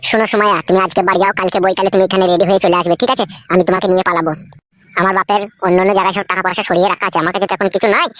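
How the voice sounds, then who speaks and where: Man voicing a young cartoon schemer, pitched-down, fast, conspiratorial, crude, boastful. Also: flat delivery, a bit bright, dry recording, studio quality. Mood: scheming. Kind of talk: cartoon voice acting.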